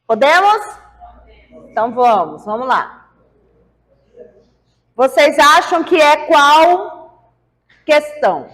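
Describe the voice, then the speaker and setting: A woman's voice: high voice, big pitch swings, slow, pauses often, a bit bright, big-room sound. A woman teaching biology, running a quiz with her class and coaxing answers out of the students in a playful way. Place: large classroom.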